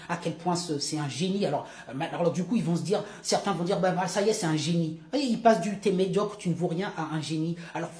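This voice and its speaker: A man's voice: high-pitched, darkish tone, echoey room. A man giving a casual motivational monologue as a video host, chatty and emphatic, speaking straight to the viewer.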